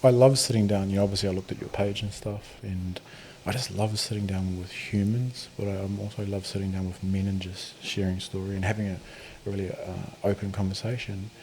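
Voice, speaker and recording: A man with a gravelly voice, talking casually and reflectively as a podcast guest in an earnest, matey way. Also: low-pitched, flat delivery, fairly quick, few pauses, darkish tone, rough recording. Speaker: podcast guest, men's mental health advocate. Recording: clearly audible ambient background noise.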